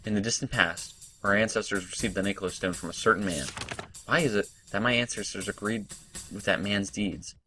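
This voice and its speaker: Narrating his own let's play in a fairly low voice, a man reads the on-screen story text aloud and then stops to puzzle through it. His remarks are halting and casual, full of restarts as he thinks aloud, with soft game music underneath.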